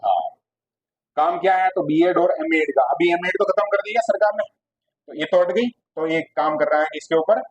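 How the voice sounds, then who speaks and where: A man's voice: a little high, moderate pace. Male teacher, quizzing students. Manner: asks students questions and answers them himself. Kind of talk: classroom lecture. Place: classroom with students. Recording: dull lo-fi classroom recording.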